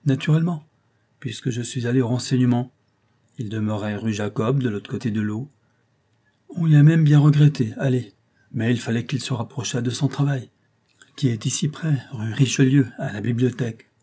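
A man's voice: mid-range voice, moderate pace, dark tone, breathy edge, close to an everyday voice. A man reading an audiobook voices a stout, chatty older female concierge who talks in a gossipy, homely way.

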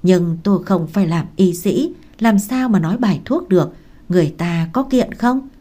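A woman's voice: fairly low pitch, expressive, moderate pace, warm tone. A woman reading the lines of a shy, humble young village woman in a storybook, hesitant and doubting herself.

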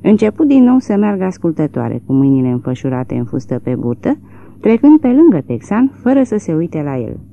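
A woman with a low, dark voice narrates a novel, and her reading is measured and expressive, with lively swings in pitch. The recording sounds slightly dull and lo-fi. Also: gravelly. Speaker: audiobook narrator. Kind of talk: literary audiobook narration.

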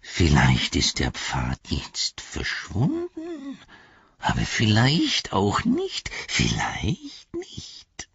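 A man's voice: fairly low pitch, huge pitch swings, very slow, fairly bright tone, no echo, muffled recording, exaggerated voice. A man voicing the wretched creature Gollum in an audiobook, sly and cringing, speaking of himself in the third person. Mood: secretive whisper. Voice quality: hissing, gravelly whisper. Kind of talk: audiobook character voice.

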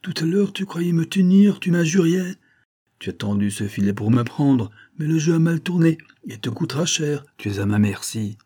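Sly threatening storybook fox voiced by a man, harsh and scornful, husky mellow tone. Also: medium pitch, a little slow. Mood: menacing, scornful. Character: cunning menacing male fox.

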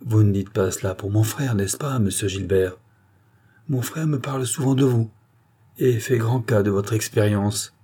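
A man's voice: on the low side, moderate pace, mellow, lightly acted. A man reading a storybook voices a devout, anxious young princess in an earnest, pleading tone.

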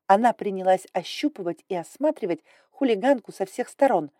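A woman narrating a fantasy audiobook in an even, measured storytelling voice. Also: mid-range voice, no room sound, studio quality. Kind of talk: scripted narration.

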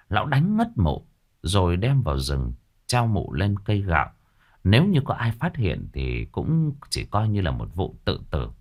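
A man narrating a ghost story in a dramatic, expressive way. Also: low voice.

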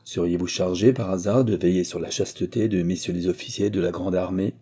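A man's voice: low voice, fairly even intonation, fairly quick, dark tone, breathy edge. A man reading an audiobook, voicing a scornful young female courtesan who turns frightened under questioning, in a raised voice. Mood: mocking. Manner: mocking, then stammering.

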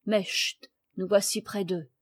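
Gruff loyal peasant man, blunt and mocking, storybook reading, voiced by a woman. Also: medium pitch, fairly even intonation, a little slow, dry recording, studio quality, voice pushed down, natural voice.

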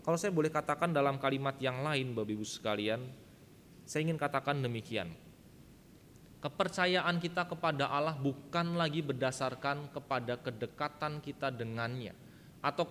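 A male pastor preaching a sermon, telling a childhood story in a lively way and often turning to address the congregation. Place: church sanctuary. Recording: reverberant church hall with faint rumble.

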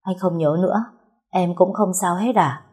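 A woman reading the lines of a young man just woken from a coma, in a quiet, trembling murmur. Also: lowish voice, normal speed, slightly rough. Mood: tender.

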